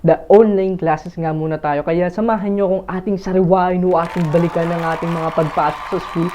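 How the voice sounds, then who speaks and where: A man's voice: sits high, fairly even intonation, a little fast, a crowd in the background, background noise. A man vlogging casually, rambling with lots of fillers and restarts while he talks straight to his viewers through an earphone mic. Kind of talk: casual chatty vlog.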